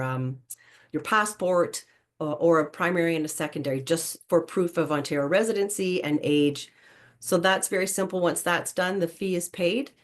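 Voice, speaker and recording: A woman, giving an informal explanatory presentation as a program presenter. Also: on the low side.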